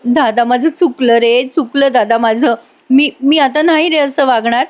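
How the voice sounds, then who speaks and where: A woman voicing a young man, a remorseful younger brother who apologises in halting, repeated words. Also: sits high.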